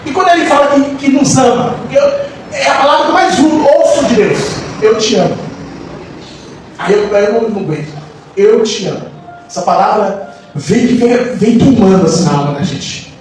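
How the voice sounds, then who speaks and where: A man, a pastor, preaching a sermon with passion, moving between soft lines and shouts. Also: very high-pitched, lively intonation, brisk. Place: church hall. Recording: echoey church hall, mic far off, faint noise.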